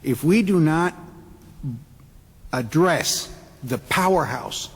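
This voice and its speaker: A man from Puerto Rico speaking earnestly on a symposium panel, halting and restarting his sentences. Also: on the high side, animated, creaky, breathy edge. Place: conference hall. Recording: long reverb of a large hall.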